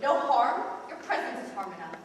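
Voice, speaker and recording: A woman's voice: a little high, normal speed, bright, forceful tone. A woman playing a scornful, hot-tempered young male swordsman in an amateur stage play, heard from a distance in an echoing hall. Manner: sneering, contemptuous. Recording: distant echoey hall, noisy.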